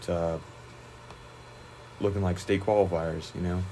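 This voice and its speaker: Young man, very low voice, relaxed rambling talk, faint background hum. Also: unhurried, low-quality recording. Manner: relaxed, rambling, many fillers and restarts. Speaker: high school wrestler. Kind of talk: casual interview.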